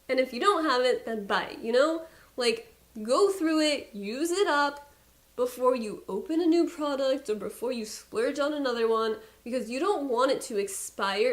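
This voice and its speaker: A young woman vlogging about beauty in a loose, chatty way, her voice sitting a little higher than most. She talks straight to her viewers with candid, playful emphasis and laughs at herself now and then. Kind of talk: casual chat to camera.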